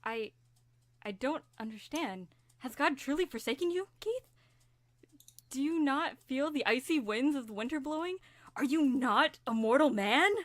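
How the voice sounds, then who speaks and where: A woman voicing a brash young man who turns every card game into melodrama, speaking in a high, bright, sharp voice close to the mic in a dry room. He bursts into loud, theatrical declarations in an amateur fan fiction reading. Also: animated, measured pace, no room sound. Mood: dramatic.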